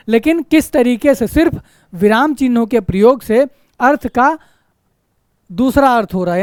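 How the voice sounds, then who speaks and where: A man's voice: very high-pitched, darkish tone, clear, resonant tone, no echo, clean studio sound. A man teaching Hindi grammar in an online exam-prep lecture. He asks rhetorical questions, answers them himself, repeats key points and keeps checking in with his students. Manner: repeats key phrases for emphasis.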